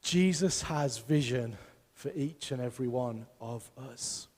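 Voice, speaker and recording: Man, pastor, sermon, emphatic, rhetorical questions, unhurried delivery, echoing church hall. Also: medium pitch, darkish tone, breathy edge.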